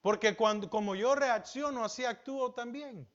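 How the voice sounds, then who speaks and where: A man with a Salvadoran accent preaching a sermon as pastor, asking the congregation questions and swinging between emphatic peaks and low asides. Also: moderate pace, a bit bright, lo-fi sound. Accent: Salvadoran Spanish.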